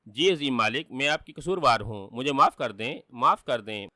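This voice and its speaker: A man's voice: medium pitch, animated, bright, forceful tone, no room sound. A man voicing a frightened sorceress queen who grovels and begs, in a dry storybook reading. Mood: pleading. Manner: pleading, grovelling.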